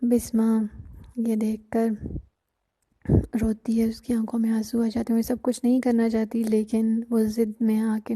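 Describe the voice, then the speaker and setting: A woman's voice: a little high, warm tone. A woman retelling a TV drama episode off the cuff, hesitating often with fillers as she goes. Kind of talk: unscripted story recap.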